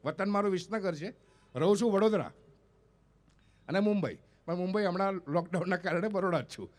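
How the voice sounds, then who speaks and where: A man's voice: high voice, a little fast. A man in his fifties from North Gujarat, with a North Gujarati accent, telling comic stories on stage and acting out the people in them. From North Gujarat, India. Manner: animated, acts out the dialogue of people in his stories. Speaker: stand-up comedian and mimicry artist. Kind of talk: live comic storytelling on stage. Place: event stage before an audience.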